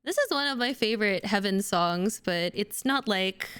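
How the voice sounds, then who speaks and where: In a medium-pitched voice that is expressive, smooth and slightly bright, a young Indonesian woman talks at a normal pace. She is chatting casually and playfully on a live stream as she assembles a model kit.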